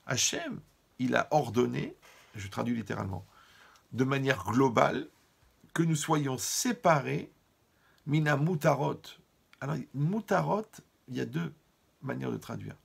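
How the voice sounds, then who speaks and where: Gravelly-voiced man teaching with humor. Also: medium pitch, unhurried, long pauses. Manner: lively, talks to listeners directly, humorous examples. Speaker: rabbi teaching Torah. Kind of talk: Torah lesson.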